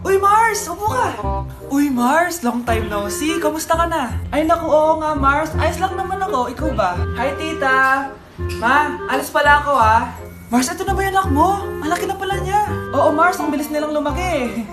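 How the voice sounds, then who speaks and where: A woman's voice: sits high, lively intonation, moderate pace. A woman with a Filipino accent acting out comic family skits, switching between a bratty child and a scolding mother. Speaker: comedy sketch creator. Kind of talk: comedic skits playing several family roles. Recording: echoey room with loud music behind.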